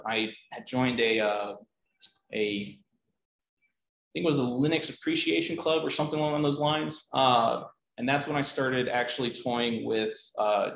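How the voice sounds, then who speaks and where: A man speaking at a meetup, answering audience questions in a relaxed, hesitant way with many ums and uhs. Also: medium pitch. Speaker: conference speaker. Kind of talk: conversational Q&A talk. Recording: roomy, dull, faint noise.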